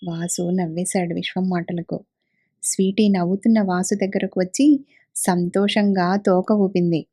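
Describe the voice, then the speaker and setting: A woman narrating a story in a calm, measured way. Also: fairly low pitch, dry recording, studio quality. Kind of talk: audiobook narration.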